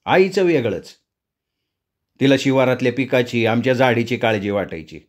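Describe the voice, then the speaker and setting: A man narrating a story in a folksy rural dialect, recounting events at a measured pace. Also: mid-range voice, lively intonation.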